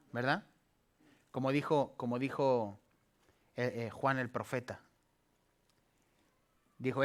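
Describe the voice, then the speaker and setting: A man preaching a sermon as pastor, swinging from emphatic calls to soft asides and playful acted-out voices. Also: medium pitch. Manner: call-and-response preaching, rising to emphatic peaks then dropping soft; acts out playful asides and voices in a light humorous tone.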